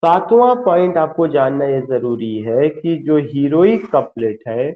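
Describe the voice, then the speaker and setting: धीमा बोलने वाला पुरुष शिक्षक. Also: male voice, on the high side, animated, phone-quality sound. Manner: slow, deliberate, spells words letter by letter, mixes Hindi and English. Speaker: literature teacher. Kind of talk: online lecture, explaining and spelling out terms. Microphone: screen-share with whiteboard, computer mic.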